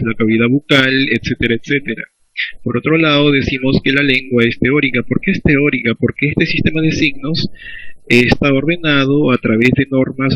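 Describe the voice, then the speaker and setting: A man's voice: medium pitch, a bit bright. Man teaching, dull recording. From Peru. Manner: methodical, checks understanding with "¿sí?". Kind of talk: recorded language lesson.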